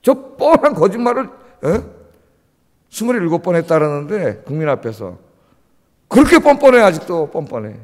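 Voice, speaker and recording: Male pastor, high and animated, emphatic sermon delivery, reverberant sanctuary sound. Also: normal speed, long pauses. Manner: emphatic, rhetorical questions to the congregation. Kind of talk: early-morning sermon. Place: church sanctuary. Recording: long church reverb.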